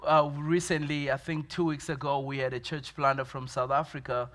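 A man's voice: a little high, level tone, normal speed, a bit bright. A man from Zimbabwe with a Zimbabwean accent, a pastor giving a church update with many fillers and restarts.

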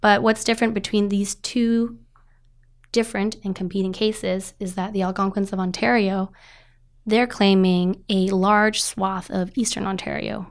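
A woman reporter with a scratchy voice from a cold, explaining a story in conversation. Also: mid-range voice. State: hoarse from a cold.

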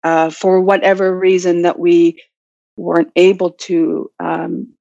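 Halting woman in a roomy recording. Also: on the low side, little pitch movement, gravelly, mellow. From Nunavut, Arctic Canada. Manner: hesitant, halting, searching for words. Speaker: interview guest, Inuit language learner and business owner. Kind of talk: reflective interview answers. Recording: dull, roomy, lo-fi call audio.

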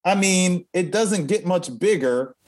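A man co-hosting a relaxed chat show with an upbeat, playful manner and easy laughter. His voice sits a little high for a man, and he speaks slowly and without hurry. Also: slight background noise. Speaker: co-host. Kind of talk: casual podcast chat.

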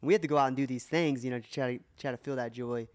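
A man's voice: mid-range voice, fairly even intonation, racing, a little mellow. Earnest man sharing faith on a podcast. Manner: earnest, emotional testimony with many restarts. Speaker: podcast co-host. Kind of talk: casual faith podcast talk.

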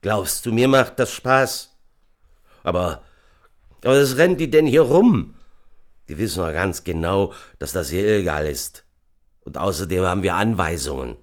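A man voicing a bitter, gruff soldier who growls and shouts. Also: sits low, lively intonation, normal speed, pauses often. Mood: angry.

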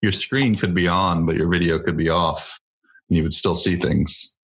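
A man's voice: sits low, steady tone, moderate pace, fairly bright tone, breathy edge. A man co-hosting a casual family podcast, a parent who chats easily and drops dry, wry asides.

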